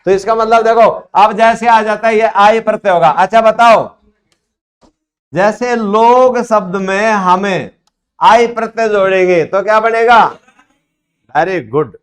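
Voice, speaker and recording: A man's voice: sits high, unhurried. A man teaching a class, prompting students with questions in a classroom. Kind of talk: classroom grammar lesson.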